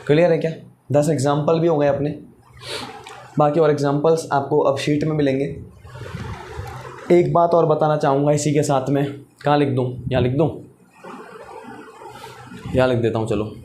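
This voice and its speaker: A man's voice: a little high, fairly even intonation, normal speed, pauses often, mellow, slight background noise. A man teaching chemistry in a classroom-style lecture. He asks questions, answers them himself, and repeats each step.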